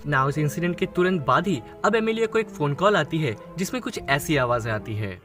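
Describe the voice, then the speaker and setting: A man tells a film's story as a scripted recap, his voice sitting a little above the usual male range. He moves steadily from scene to scene and slips English phrases into his sentences. Soft music plays faintly underneath. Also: a little high, lively intonation, fairly quick. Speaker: movie recap narrator. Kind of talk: scripted movie recap narration.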